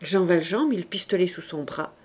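A woman reading an audiobook aloud in clear, measured scripted narration. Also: fairly low pitch, lively intonation. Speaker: audiobook reader.

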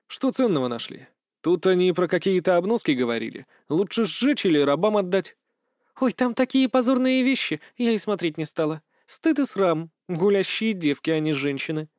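A man reading aloud voices a bold, sharp-tongued young wife with a brash, teasing manner. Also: high voice, animated, moderate pace, no room sound, clean studio sound, voice pushed up. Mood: scolding.

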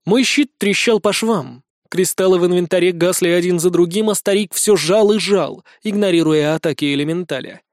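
A man's voice: high voice, moderate pace, few pauses, dry recording, clean studio sound. A man reading first-person fantasy narration as an audiobook, with wry, sardonic asides.

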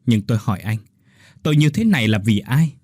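A man's voice: on the high side, very animated, normal speed, a little mellow, husky, no echo, studio quality, voice pushed up. A man voicing a hurt young wife, a humble sticky-rice seller, who speaks up bitterly to her husband. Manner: pleading and bitter.

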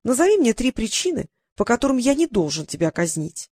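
A woman's voice: fairly high pitch, very animated, fairly quick, a little mellow, no room sound. A woman voicing a stern, scheming male sultan in an audiobook, with a dry, ironic, sighing manner. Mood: wry. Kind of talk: audiobook character reading.

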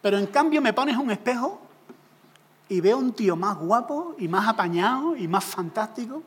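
A man preaching a humorous sermon, jokey and animated, acting out little scenes. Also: high-pitched, normal speed, husky, big-room sound.

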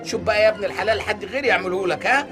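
Comic radio serial lead: a man voicing a broke, quick-tempered Egyptian husband, sarcastic, talking very fast and high. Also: music in the background, natural voice. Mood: dry. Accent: Egyptian Arabic. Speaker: struggling husband and father.

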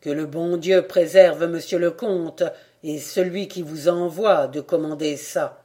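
An angry, proud peasant father in an old tale, read by a storyteller. He speaks tensely and forcefully, with held-back fury, in a middling voice. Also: medium pitch, steady tone, a little slow, close to an everyday voice.

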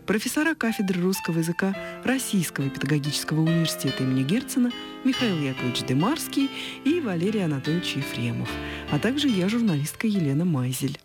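A woman radio host introducing her guests and taking calls in a brisk, lively way. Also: lowish voice. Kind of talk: radio presenter. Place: radio studio.

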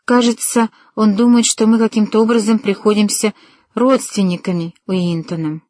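A woman's voice: mid-range voice, fairly even intonation, moderate pace, a little mellow, dry recording, studio quality, close to an everyday voice. Woman reading as fearful young woman, anxious, pleading, slightly raised voice, audiobook.

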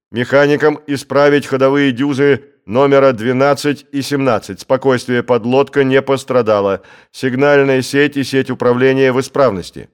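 Guy reading as a sub captain barking crisp orders, bossy, average pitch. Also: natural voice. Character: commanding male submarine captain.

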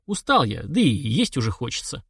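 A man's voice: mid-range voice, huge pitch swings, moderate pace, vocal fry, slightly rough, no echo, clean studio sound, exaggerated voice. A man playing a dryly ironic retired officer, a prince, in an audiobook.

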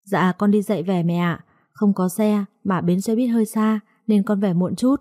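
A woman's voice: medium pitch, fairly even intonation, normal speed, warm tone, no echo, studio quality, natural voice. A woman reading aloud, voicing a young wife who pleads and resists. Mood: deferential. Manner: pleading, defiant. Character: frightened young wife pleading for her husband.

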